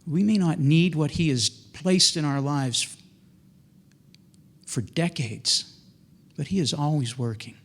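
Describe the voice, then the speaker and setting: A middle-aged man telling a personal faith story in an earnest, halting way, often restarting and repeating words. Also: on the high side.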